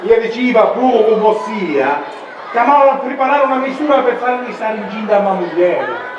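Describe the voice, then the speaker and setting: A man's voice: high-pitched, big pitch swings, normal speed, muffled recording, crowd noise, background noise. An actor playing a simple-minded, eager married villager with a Sicilian accent, pleading and repeating his pet phrase in an amateur dialect stage comedy. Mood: nervous, confiding. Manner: repetitive verbal tic, pleading. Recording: very echoey hall from far off, audience.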